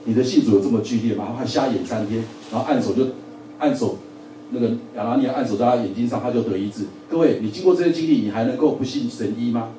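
A man teaching a Bible lesson in a church Sunday school, lively, often asking the audience questions and joking. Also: medium pitch, quick pace, a little hiss or hum. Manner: lively, asks the audience questions, repeats words, jokes. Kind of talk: sermon-style Bible lesson. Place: church hall. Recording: echoey room from a distance, faint ambience.

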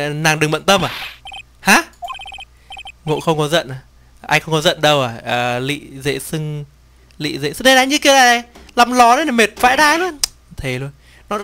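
A man streaming a game in casual chat, reading the dialogue aloud in playful voices, excitable and quick to swear and laugh between lines. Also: fairly high pitch, a little hiss or hum. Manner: reads each character's lines in playful voices and comments between them. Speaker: gameplay streamer. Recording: game music behind the voice.

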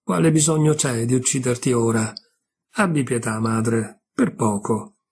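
A man's voice: mid-range voice, a little slow, a little mellow, slight background noise, lightly acted. A man reading aloud as a cheerful young male god in a storybook tale. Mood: gentle. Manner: laughing, tender reading voice.

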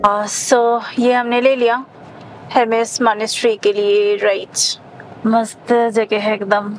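A woman's voice: fairly high pitch, level tone, takes it slowly, faint music behind, rough recording. A woman in her thirties, hosting a travel vlog. She chats casually from inside a car and points out sights along the road. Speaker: travel vlogger.

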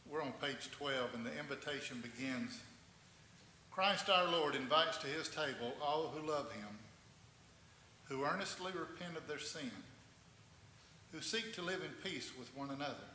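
A pastor leading a communion liturgy in a measured, reverent way, his voice carrying a cathedral echo in a large church sanctuary. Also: a little high, pushed and bright. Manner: measured, reverent reading with slow stresses. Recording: echoey church hall from a distance, faint noise.

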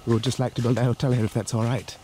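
A Sri Lankan man vlogs a walking tour of resort garden paths, talking casually and chattily from behind a handheld camera and often repeating himself. His voice is medium-pitched, flat and dark, and he speaks very fast. The outdoor recording picks up clear background noise.

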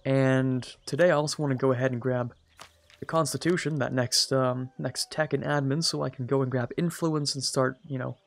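With vocal fry, a steady tone, and a moderate pace, a young man hosts a strategy game let's-play in a medium-pitched, slightly strained voice. He chats casually, makes fun of himself, and speaks directly to the computer rivals.

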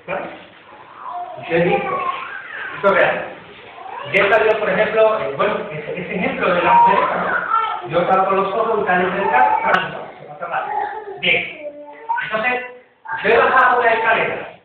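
A man from preaches in a church, repeating himself emphatically and leaping up in pitch. His voice sits high for a man. The recording is tinny and noisy and comes from far off in a very echoey hall. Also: sing-song, normal speed, long pauses. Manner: emphatic, repetitive, sudden jumps in pitch. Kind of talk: sermon.

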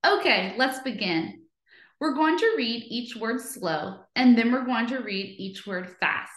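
A woman teaching young children a phonics lesson, cheerful and encouraging, sounding out letters slowly and clearly. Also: fairly high pitch, expressive, fairly bright tone, roomy sound.

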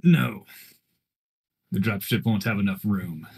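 Male player, husky tone, calm amused delivery. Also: lowish voice, slow. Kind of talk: tabletop role-play.

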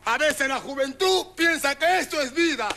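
A man with a Peruvian accent doing a stand-up comedy routine, loudly mock-scolding and teasing audience members on a television set. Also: very high-pitched, lively intonation, moderate pace, vocal fry. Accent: Peruvian Spanish. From Peru. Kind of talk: street-style comic routine with the audience. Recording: loud crowd and noise behind the voice.

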